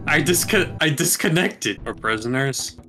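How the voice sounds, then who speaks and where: A man's voice: fairly high pitch, expressive, moderate pace, sharp tone, soft background music. A man chatting casually with a friend while playing a game, teasing and bantering. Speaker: gamer. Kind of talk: casual gaming chat.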